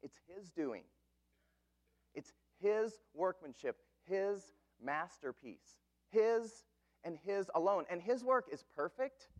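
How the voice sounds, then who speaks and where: A man in his thirties, a pastor, preaching an earnest sermon with slow, emphatic phrases. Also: high-pitched, animated.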